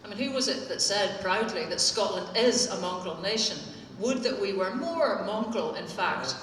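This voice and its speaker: At a live political event in a theatre hall, a woman with a Northern Irish accent makes witty, pointed comments in an expressive, medium-pitched, slightly bright voice at a moderate pace. The recording carries slight background noise and a roomy echo from the distant mic.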